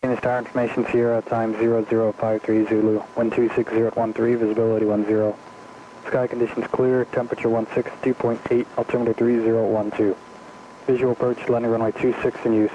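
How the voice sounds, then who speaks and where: A man's recorded airport weather broadcast plays over aviation radio. He reads fast in a flat monotone, and his voice is dark and mellow. The sound is muffled and lo-fi, with a faint hiss of static underneath. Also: mid-range voice. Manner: rapid monotone reading of weather and airfield notices.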